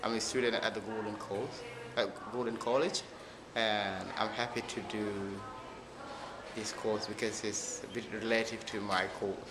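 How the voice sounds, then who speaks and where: A young man with a lowish voice introduces himself in a hesitant, polite way; English is his after a tongue. The room is echoey and noise is clearly audible behind him. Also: steady tone, moderate pace. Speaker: student. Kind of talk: short on-camera introduction. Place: indoor room, plain wall. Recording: roomy with background noise.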